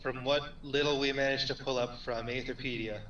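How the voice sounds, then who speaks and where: A man's voice: mid-range voice, fairly even intonation, brisk, a bit bright, muffled recording, a little hiss or hum. A man playing a tabletop role-playing game, talking in character with hesitant restarts. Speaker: player.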